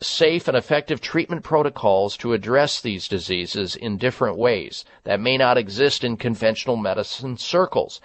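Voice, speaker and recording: A man hosting a health radio talk show, emphatically delivering plugs and repeating contact details. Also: medium pitch.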